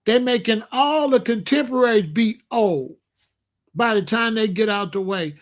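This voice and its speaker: Speaking high-pitched and a little slow, this man hosts a live commentary stream and rants unscripted to his viewers. He calls out a chatter bluntly, repeating himself and picking a fight.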